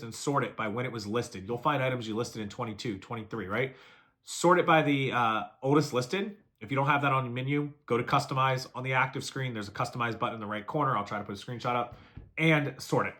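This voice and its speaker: A man giving brisk step-by-step selling advice in a casual video, listing steps and repeating them. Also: medium pitch, bright, forceful tone. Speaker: reseller giving selling tips. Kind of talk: fast casual how-to talk to camera.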